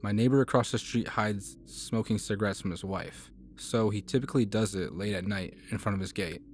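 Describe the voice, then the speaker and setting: Male narrator, fairly low voice, steady scripted horror storytelling, faint hiss behind. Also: brisk.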